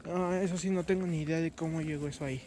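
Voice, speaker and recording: A man's voice: on the high side, steady tone, fast talker, dark tone, slight background noise. A man with a Mexican accent vlogging casually on a night walk outdoors, chatty and slangy, with frequent exclamations. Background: music.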